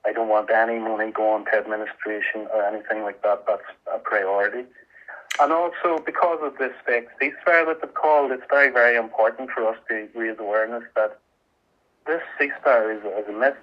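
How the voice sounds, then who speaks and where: A man giving an earnest, halting, emotional personal account as a guest in a radio interview. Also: on the low side. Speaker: interview guest, activist volunteer. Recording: muffled, band-limited radio interview sound.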